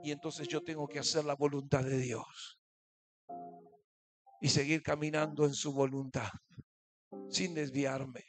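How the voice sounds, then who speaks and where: A man's voice: on the high side, little pitch movement, unhurried, long pauses, no echo. A man pastor with a Rioplatense Spanish accent, preaching a sermon with frequent calls of "aleluya" and "amén" to the congregation and joking asides. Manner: humorous asides, acting out little voices in stories.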